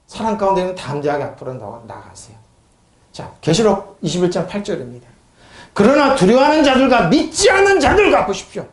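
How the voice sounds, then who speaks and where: A woman pastor delivers an emphatic sermon, reading scripture and throwing rhetorical questions at her congregation. Her pitch swings widely as she presses each point. The recording carries the roomy echo of a church hall.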